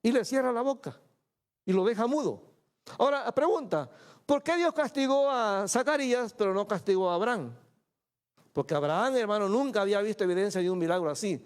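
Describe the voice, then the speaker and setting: High-voiced male pastor preaching a sermon. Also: lively intonation, a little fast, clear, resonant tone. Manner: addresses listeners as "hermano", acts out quoted voices. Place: church in Montreal.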